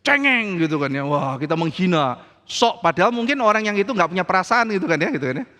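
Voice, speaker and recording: Pastor guy giving a sermon, pretty high voice, lots of hall reverb, chatty, does little voices. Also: very animated, fast, pushed and bright. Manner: conversational, acts out quoted voices. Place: church hall.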